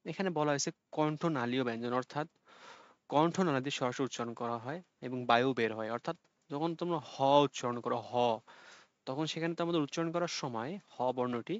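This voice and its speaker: A man teaching an online exam-prep lesson, explaining patiently and repeating sounds slowly for students to copy. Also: mid-range voice, clear, resonant tone, dry recording, dull audio.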